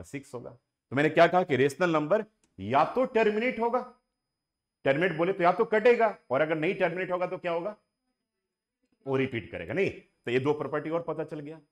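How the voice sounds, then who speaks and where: Man, maths teacher, classroom lecture, fairly high voice, very animated pitch, repeats and quizzes. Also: fairly quick. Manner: asks the class questions and repeats points. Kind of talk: classroom lecture mixing Hindi and English. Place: classroom with students and online viewers.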